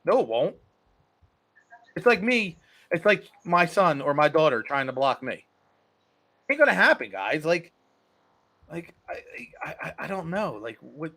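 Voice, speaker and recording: A man's voice: on the high side, a little slow, pauses often. A man co-hosting a casual sports podcast, talking animatedly and acting out players' lines with frequent restarts. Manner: animated, acts out players' lines, repeats words. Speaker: podcast co-host.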